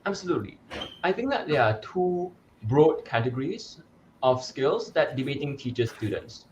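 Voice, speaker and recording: With a sing-song, darkish, medium-pitched voice at a normal speed, a young Sarawak-born debate coach from Malaysia answers interview questions clearly and explanatorily, with occasional fillers and restarts. A little hiss or hum runs under the audio.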